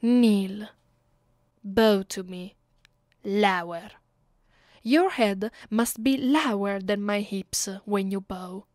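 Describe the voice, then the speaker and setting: In this close, slow ASMR roleplay with whispered moments, a voice actress from Italy gives orders as a domineering vampire mistress, haughty and cruel. Her medium-pitched voice has a darkish tone and a stern, commanding, deliberate manner. There's no echo; the sound is dry and intimate.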